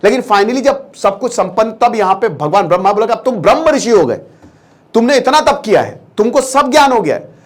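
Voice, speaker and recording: Man, high voice, animated storyteller, live scripture retelling, speaks directly to listeners. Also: a little fast. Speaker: storyteller and teacher.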